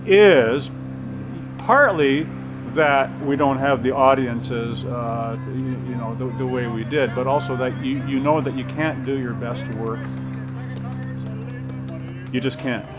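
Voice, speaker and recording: A man giving hesitant, halting answers in a documentary interview. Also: medium pitch, over music.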